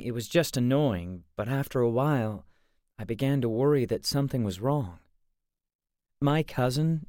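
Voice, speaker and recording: A man reading a first-person story aloud in a steady, conversational way, with wry asides. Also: mid-range voice, no echo, clean studio sound. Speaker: audiobook narrator.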